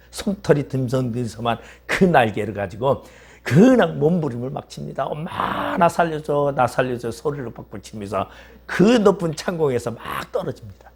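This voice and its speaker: Husky-voiced male pastor telling a story. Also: medium pitch, a little mellow. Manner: vivid storytelling with rhetorical questions. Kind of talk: sermon. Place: church.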